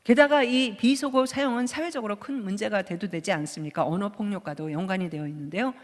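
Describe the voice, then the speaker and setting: A woman's voice: medium pitch, fast talker. A Korean woman in her fifties preaches a Sunday sermon in a mid-range voice, talking to the congregation like a conversation and throwing questions back at them. Her voice carries with a long reverb through the church sanctuary. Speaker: pastor.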